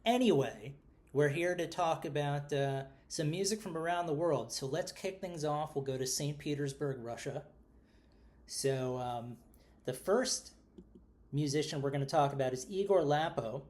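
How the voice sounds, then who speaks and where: A man's voice: fairly high pitch, normal speed, darkish tone. A middle-aged man with a New York accent co-hosting a casual podcast, rambling and self-deprecating, full of fillers. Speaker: podcast co-host.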